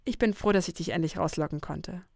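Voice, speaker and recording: A woman voicing a brash, teasing young female friend who talks loudly and cheekily. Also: fairly low pitch, brisk, creaky, slightly rough, no room sound, studio quality. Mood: cheeky. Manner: loud, bubbly and cheeky.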